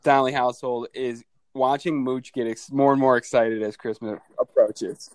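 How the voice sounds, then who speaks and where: A man's voice: medium pitch, flat delivery, normal speed, no echo. Laughing, swearing man in his thirties. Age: 30s. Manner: laughs often, swears, acts out family scenes. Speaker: podcast host. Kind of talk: casual chat.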